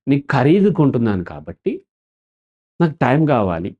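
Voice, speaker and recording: A man with a mid-range voice speaks a little fast in a muffled recording. Being interviewed as a counselor guest, he explains animatedly and frequently asks questions only to answer them himself.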